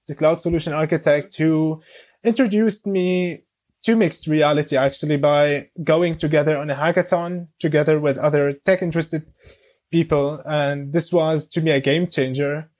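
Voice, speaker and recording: A man in his twenties from Syria, a guest on a podcast, speaking English with many pauses, fillers and restarts. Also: on the high side, steady tone, darkish tone. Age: 20s. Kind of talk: casual interview.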